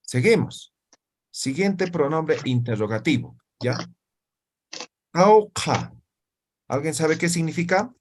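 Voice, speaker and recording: Teacher, fond of "¿no ve?". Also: male voice, fairly high pitch, expressive, a little slow, slight background noise. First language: Aymara. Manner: explains with constant "¿no ve?" tag questions. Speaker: Aymara language teacher. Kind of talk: classroom lesson.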